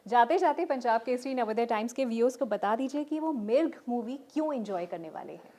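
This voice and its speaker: A woman's voice: fairly high pitch, expressive, a little fast, warm tone. A woman interviewer asking a film actor questions in a friendly, encouraging way.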